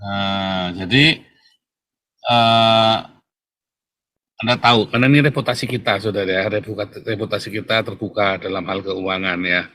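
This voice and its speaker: A man's voice: on the low side, fairly even intonation, normal speed, long pauses, pushed and bright. A man hosting a casual monologue, talking emphatically to his audience, tagging lines with a repeated address and laughing at his own remarks. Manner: repeats "saudara ya" constantly, chatty and emphatic. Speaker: host.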